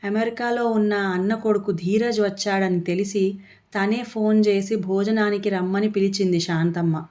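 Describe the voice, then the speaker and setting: A woman narrating a family story in a measured storytelling manner. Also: medium pitch, steady tone, a little mellow. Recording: dull lo-fi audio.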